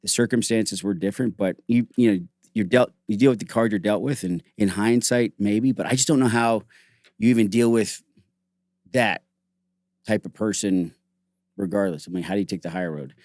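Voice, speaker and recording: A fairly low-pitched, middle-aged man speaks in a close, dry sound as host of a casual podcast chat. He tells stories in an animated way, stops and restarts often, and leans on "like" while acting out what others said. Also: normal speed, no room sound. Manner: animated storytelling, acts out quotes; heavy use of "like", frequent restarts.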